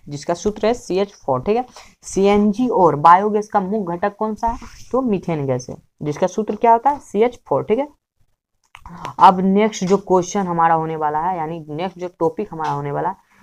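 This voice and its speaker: A woman with a fairly low voice runs a quiz-style revision lesson. She states each question, answers it, repeats the answer for drilling, and tops it off with a quick "okay". She fixes her small slips on the spot and keeps going. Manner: self-correcting, with slips. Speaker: teacher.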